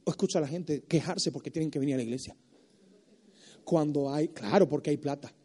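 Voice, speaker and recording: A man preaching a sermon as pastor of a church, passionate, mimicking complainers and building to shouts. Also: fairly high pitch, a little fast, slightly rough. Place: church service.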